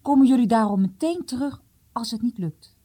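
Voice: medium pitch, lively intonation, normal speed, dark tone, pitched above the performer's own voice, natural voice. A narrator doing a caring, insistent woman.

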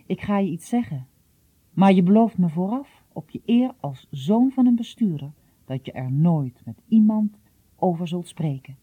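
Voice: medium pitch, lively intonation, normal speed, breathy edge, dry recording, narrow, tinny audio. A reader voicing a shrewd, secretive old male gardener who talks in a confiding, mildly teasing way, in an audiobook. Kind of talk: audiobook reading.

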